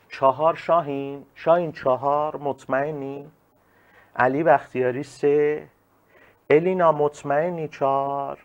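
A male teacher giving a live online class, animated and emphatic, calling on students by name. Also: on the high side, muffled recording.

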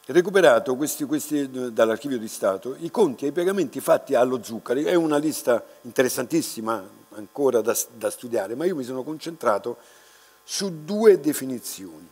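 With a medium pitch, lively intonation, and a darkish, slightly rough tone, an older art restorer lectures without a script from a lectern. He is unhurried and reflective, often pausing and restarting, while the large dark hall's reverb and mains hum come through the lectern mic.

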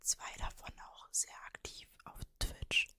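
A woman in her early twenties speaks in a soft, breath-only whisper right up at a desktop microphone. She has a Mannheim German accent and chats casually in an intimate ASMR style. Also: slow pace. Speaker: ASMR creator and streamer. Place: cosy bedroom, indoors. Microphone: desktop microphone, very close.

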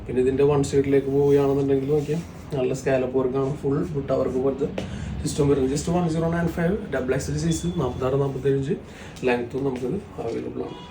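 A man with a Kerala accent giving a repetitive sales pitch as a shop presenter, mixing many English words into his Malayalam. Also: fairly even intonation, quick pace. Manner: repetitive, salesy patter with frequent tag words. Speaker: shop presenter selling women's outfits. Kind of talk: sales pitch showing products. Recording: roomy, distant mic, faint background noise.

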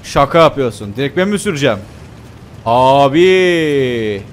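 A man's voice: mid-range voice, lively intonation, fairly quick, a little hiss or hum. A young man casually commenting on a video game while he plays, chatty and joking, with many filler sounds. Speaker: gameplay commentator. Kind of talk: casual let's-play commentary.

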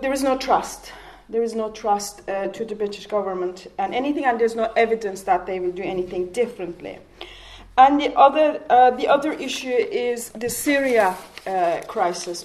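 A woman from Turkey whose native language is Kurdish speaks impassionedly on a public panel at a community hall, seated at the panel table with a handheld mic. She poses rhetorical questions and often restarts her sentences, her voice medium-pitched and a little mellow. The recording is low quality.

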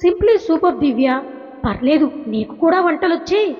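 Woman playing a fond, scolding young husband in a storybook, slightly lowered voice, lo-fi sound. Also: sing-song, measured pace. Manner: scolding and doting. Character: protective young man, fond but scolding. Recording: reverberant, dull lo-fi recording.

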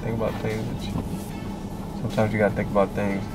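A man's voice: lowish voice, monotone, quick pace, over loud music. A man in laid-back casual chat with short teasing remarks, sitting in a parked car at a drive-in. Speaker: vlog guest.

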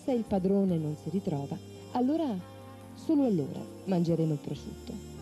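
A woman reads a calm, wise male teacher from a folk tale in a lower voice. He gives gentle, firm instructions, with music running beneath the storybook reading. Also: normal speed.

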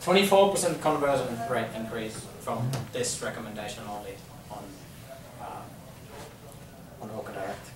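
A Finnish man in his thirties, mid-range voice at a measured pace, gives a chatty business presentation to an audience in a conference room, repeating words and saying um a lot. A far-off camera with no mic captures it, so the room sounds echoey with a faint hum.

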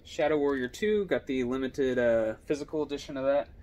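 A young man casually running through his video game collection, giving quick offhand comments on each title. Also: medium pitch, darkish tone. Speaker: gaming YouTuber.

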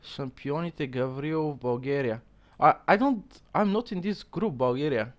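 A young man streaming from a small dim room on a headset, reading aloud haltingly with many fillers and chuckles in casual commentary. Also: a little high, dull audio.

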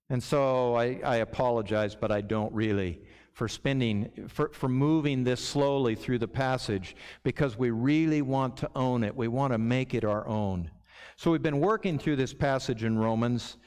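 A middle-aged man preaching a sermon as pastor, earnest and restarting words as he builds each thought. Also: mid-range voice. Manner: earnest, repeats words when starting a thought. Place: church sanctuary. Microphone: lectern microphone. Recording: church hall reverb.

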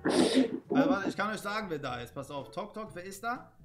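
A man hosting a prank video chat, talking casually in slang and teasing strangers in a low, conspiratorial way. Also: sing-song, normal speed, over loud music.

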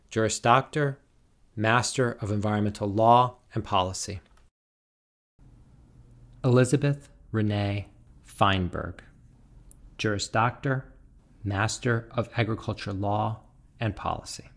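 A man formally reading out graduates' names and degrees at a commencement, in a slow, measured, deliberate way. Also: on the low side. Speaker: commencement name reader.

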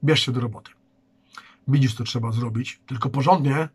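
A man reading the part of a shrewd elder prince who gives brisk orders. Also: medium pitch, slightly rough. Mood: commanding.

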